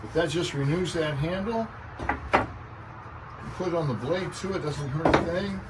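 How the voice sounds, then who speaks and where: A man's voice: fairly high pitch, measured pace. American man talking over outdoor traffic noise. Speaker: garden vlogger. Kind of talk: casual garden walk-through vlog. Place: outdoors in a home garden. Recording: noisy outdoor recording with traffic. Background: traffic and outdoor ambience.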